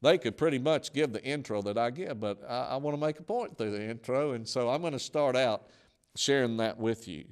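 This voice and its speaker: Male radio preacher, emphatic, repeats phrases, builds in force, mid-pitched voice. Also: a little fast, clean tone. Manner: emphatic, repetitive lists, building to forceful climaxes. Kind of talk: broadcast sermon.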